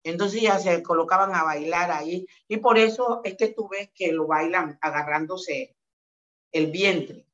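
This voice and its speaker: A woman's voice: lowish voice, a little slow, highs cut off. A woman from Palenque, Colombia, telling stories in a casual interview as a dance group director, calling the listener "mijo" and "mi amor". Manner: warm affectionate storytelling, says "mijo" and "mi amor". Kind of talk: casual interview talk with sung excerpts.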